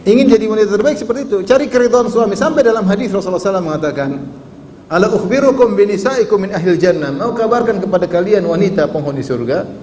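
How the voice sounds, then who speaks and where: Speaking very fast in a high, mellow, expressive voice, a man delivers a sermon before a live crowd, peppering them with teasing questions and lilting Arabic quotations. Slight background noise mixes with the echo and faint ambience of a large hall.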